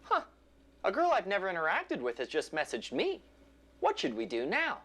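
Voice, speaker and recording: A woman's voice: medium pitch, huge pitch swings, normal speed, creaky. Woman playing a swooping, geeky retro tutorial host. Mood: smug, instructive. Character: geeky, self-assured host of a retro internet tutorial parody. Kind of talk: mock 1990s instructional video narration. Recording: music behind the voice.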